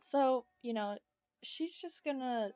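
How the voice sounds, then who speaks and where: A woman's voice: high-pitched, lively intonation, takes it slowly, warm tone. A woman chatting casually as she narrates a life-sim game, rambling with frequent asides to her viewers. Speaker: let's play gamer. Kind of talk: casual gameplay commentary. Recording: dull lo-fi recording.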